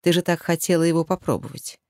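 A woman voicing a powerful, stern man who gives clipped, firm commands but softens with a child. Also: fairly high pitch, fast talker, no echo, clean studio sound, lightly acted. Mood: soothing.

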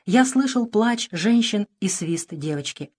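Woman, audiobook reader, mid pitch, measured expressive narration. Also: husky.

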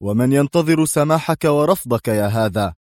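A man's voice: on the low side, fairly quick, darkish tone, no echo, studio quality, natural voice. A man voicing a stern, commanding male defense secretary who speaks curtly and severely in an audiobook thriller. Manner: curt and severe.

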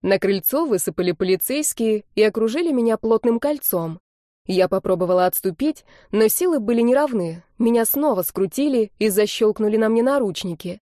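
A woman narrating a first-person audiobook in a lively, expressive storytelling manner. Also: medium pitch, no room sound, clean studio sound.

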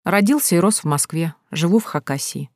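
A woman voicing a calm, guarded man who speaks levelly and bluntly, in a dry audiobook recording. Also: lowish voice, brisk, dry recording. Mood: restrained.

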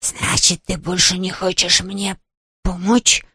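A woman voicing a self-pitying male ghost who moans and wails in a breathy voice. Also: lowish voice, completely flat delivery, slow, sharp tone, dry recording, clean studio sound, heavily acted. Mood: whiny. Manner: moaning, wailing, breathy.

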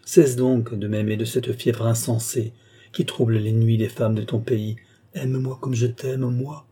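Un homme qui lit un roman joue un mystique ambitieux qui parle avec une tendresse solennelle et mesurée. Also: male voice, mid-range voice, flat delivery, measured pace, warm tone, husky. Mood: ardent. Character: ambitious male mystic, grand and tender.

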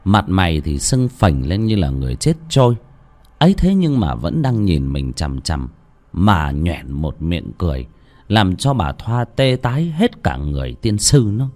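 A man narrating a ghost story in a lively, dramatic reading. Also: low-pitched, measured pace.

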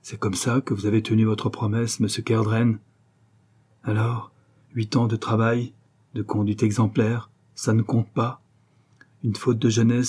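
A man's voice: on the low side, dark tone, slightly rough. Man voicing a bitter wounded ex-convict. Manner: bitter, reproachful, restrained.

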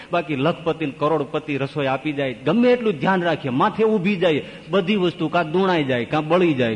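A man, a swami, telling a story in a sermon, animated and swinging widely between high and low. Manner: animated, with wide pitch swings. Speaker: swami giving a religious discourse. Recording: long reverb of a large hall.

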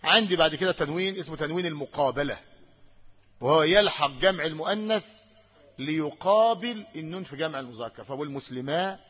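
A man with an Egyptian Arabic accent teaching an Arabic grammar lesson, quizzing his students and stretching out key words slowly for emphasis. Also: fairly high pitch, a bit bright, slightly rough, dull audio. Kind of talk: classroom lesson with questions to students.

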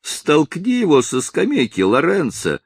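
A man voicing a gang of rough, drunken male mule drivers who shout loud taunts. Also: mid-range voice, big pitch swings, normal speed, no echo, studio quality, pitched above the performer's own voice. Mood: jeering.

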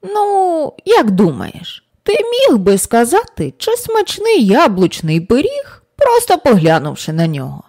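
Female narrator doing a wise old man for an audiobook: slow, gentle, patient explainer. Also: high voice, huge pitch swings, pitched above the performer's own voice, exaggerated voice. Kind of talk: audiobook character reading.

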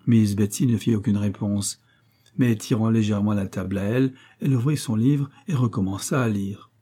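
A man narrating a classic novel aloud in a measured, even storytelling manner. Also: on the low side, breathy edge. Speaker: audiobook narrator.

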